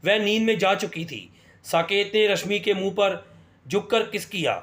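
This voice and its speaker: Male storyteller, high voice, steady dramatic first-person narration, echoey room. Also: normal speed.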